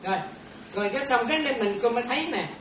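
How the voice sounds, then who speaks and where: A woman's voice: fairly high pitch, lively intonation, racing. A woman teaching in a Buddhist talk, chatty, often checking whether listeners follow and laughing now and then. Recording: echoey room, distant mic, noisy.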